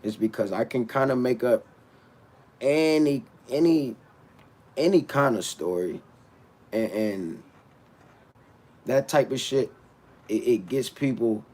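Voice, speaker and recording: A battle rapper on a livestream rants bluntly and animatedly, talking back to his chat and restarting his words as he answers it. His mid-range voice is a little mellow, moving at a slow pace with long pauses.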